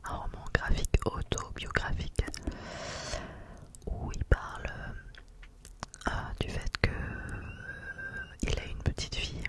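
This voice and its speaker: Whispering woman in a soft ASMR book chat. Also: extremely high pitch, monotone, slow pace, pauses often. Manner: soft library-style whisper throughout. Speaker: book reviewer, vlog host.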